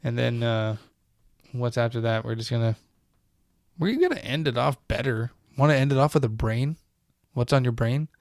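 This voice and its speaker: A man's voice: medium pitch, expressive, normal speed, a little mellow, no room sound, studio quality. A man co-hosting a podcast in casual, rambling chat, swearing freely. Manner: loose, profane and rambling. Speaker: podcast co-host. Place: home.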